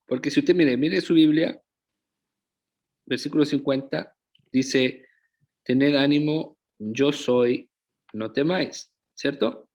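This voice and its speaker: Slow, deliberate preacher man. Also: fairly high pitch, darkish tone. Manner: slow, deliberate preaching with frequent rhetorical check-ins to the congregation. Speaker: pastor. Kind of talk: sermon.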